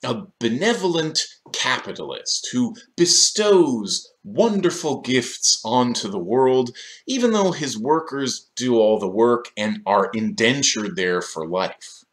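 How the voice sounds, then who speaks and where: A man in his thirties with a mid-range voice delivers scripted commentary for a video essay. His manner is sardonic and questioning, and the recording was made in a small room.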